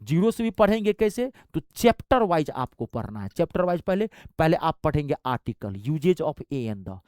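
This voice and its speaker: A man gives a motivational exam-prep lesson, emphatic and exhorting as he talks straight to weak students. His pitch swings widely between high bursts and low asides. The sound is dry and close, with no room around it. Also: sing-song, normal speed, darkish tone, dry recording. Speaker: exam coaching teacher.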